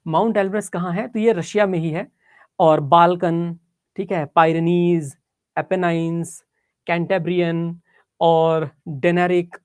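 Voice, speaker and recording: Low-voiced woman teaching a class. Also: darkish tone, no echo, studio quality. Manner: explains step by step, with frequent check-ins to students; mixes English words and phrases into Hindi. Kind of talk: geography class lesson.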